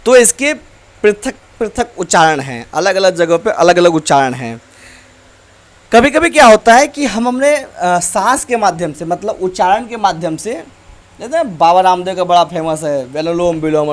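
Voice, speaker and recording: A male teacher giving a slow, deliberate grammar lesson, reciting letters one by one. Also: sits high.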